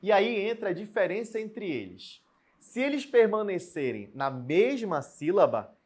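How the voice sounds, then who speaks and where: Male teacher, husky voice, lively up-and-down pitch, slow spelled-out examples, questions to students. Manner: explains step by step, asks students questions and answers them; repeats and spells out example words slowly. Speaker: Portuguese language teacher. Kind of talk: recorded video lesson.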